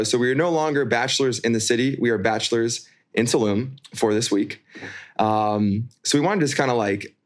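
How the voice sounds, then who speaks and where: A man speaks in an easy, upbeat way as co-host of a chat podcast. His voice sits at a middle pitch, and he addresses the audience informally as he goes. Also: a bit bright. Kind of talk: casual chat. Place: holiday rental, remote call over spotty Wi-Fi.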